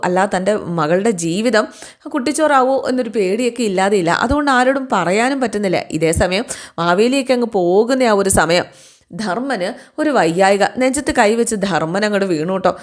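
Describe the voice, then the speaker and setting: A woman casually retelling a serial's plot, chatty and acting out the characters' lines. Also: on the high side. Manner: chatty, acts out quotes with tag words. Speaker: serial recap narrator. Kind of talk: casual storytelling recap.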